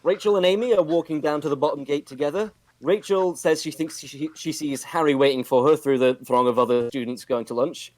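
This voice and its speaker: A man casually recapping a television episode on a podcast, with steady narration and frequent fillers. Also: medium pitch. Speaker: podcast host recapping a show.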